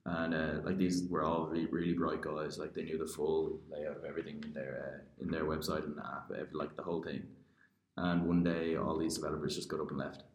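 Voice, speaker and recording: Young male podcast co-host, deep voice, loose conversational delivery, cave-like echo. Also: level tone, fairly quick. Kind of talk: casual unscripted podcast chat. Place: cave room in a basement. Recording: echoey cave-like room.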